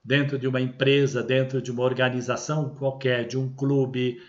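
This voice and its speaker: A man's voice: mid-range voice, little pitch movement, moderate pace. A man with a Brazilian Portuguese accent, a bishop giving an unscripted religious teaching, explaining carefully and often checking in with tag questions. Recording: dull lo-fi recording.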